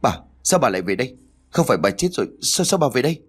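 A man's voice: on the low side, animated, racing. A man voicing a scornful cruel daughter-in-law. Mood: panicked. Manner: snappish, contemptuous. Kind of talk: storybook reading.

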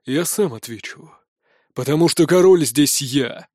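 A domineering king and furious father, as an audiobook reader puts him on, booming and scolding in a fairly high male voice. The recording is dry and close, with no room sound at all. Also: unhurried, a little mellow, dry recording. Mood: cold. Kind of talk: audiobook character voice.

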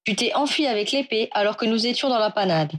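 A woman's voice: fairly high pitch, fast, close to an everyday voice. A woman voicing an earnest young male wizard hero who speaks politely and apologetically in an audiobook reading. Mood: heated. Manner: polite and apologetic, then heated. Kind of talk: audiobook reading of fan fiction.

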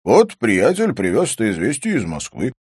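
A man reading a novel aloud and voicing a hearty, boisterous country husband who talks in a loud, jovial way. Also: lowish voice, wildly swooping pitch, normal speed, breathy edge, no echo, studio quality, voice pushed up, exaggerated voice.

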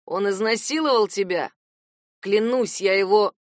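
A woman voicing a nosy, hotheaded young male cousin who keeps pressing with loud, insistent questions. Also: medium pitch, a little slow, no room sound, clean studio sound, lightly acted. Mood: angry, protective.

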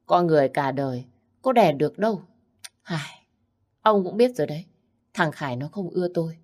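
A woman voicing a scheming middle-aged stepmother who nags and wails, with a low voice. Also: a little mellow. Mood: scornful.

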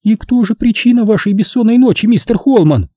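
A man reading an audiobook and voicing a jealous, sharp-tongued young woman who talks in a shrill, sarcastic, accusing way. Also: big pitch swings, a little fast, slightly rough, no room sound, studio quality, exaggerated voice. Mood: indignant.

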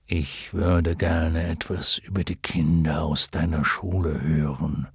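A man voicing a wise, solemn male luck dragon in an audiobook, speaking slowly and gravely. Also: extremely low pitch, flat delivery, no echo, clean studio sound, voice pushed down, heavily acted. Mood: gentle. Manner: slow, grave, almost ceremonious. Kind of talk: audiobook character voice.

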